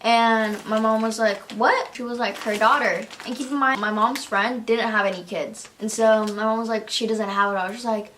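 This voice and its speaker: A young woman tells ghost stories to the camera in easy, casual chat, her voice sitting a little high. She acts out each quote as she goes and fills her sentences with "like." A faint hiss runs underneath. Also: moderate pace, few pauses. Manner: animated storyteller, acts out quotes, lots of "like". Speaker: vlog co-host. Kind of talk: casual ghost story telling.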